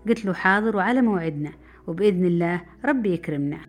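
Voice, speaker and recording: Middle-aged woman, quick memoir narration over faint music. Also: on the low side. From Saudi Arabia. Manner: brisk, lively narration. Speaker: storyteller. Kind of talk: personal memoir storytelling. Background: faint background music.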